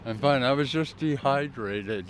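Man, casual interviewee, medium pitch, peace walker, noisy outdoor location. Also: measured pace. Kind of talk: casual chat. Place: outdoors by a road. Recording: clear outdoor traffic noise.

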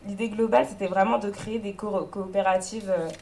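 A woman's voice: mid-range voice, steady tone, fairly quick, a little mellow. Hesitant woman reporting back to a group. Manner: hesitant, many fillers and restarts. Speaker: workshop spokesperson.

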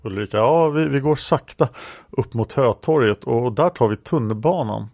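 A man reading aloud the lines of a young woman witness from an interview transcript, in a flat reading voice with the speaker labels spoken. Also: mid-range voice, vocal fry, no echo. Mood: recounting. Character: young woman witness recounting a café encounter.

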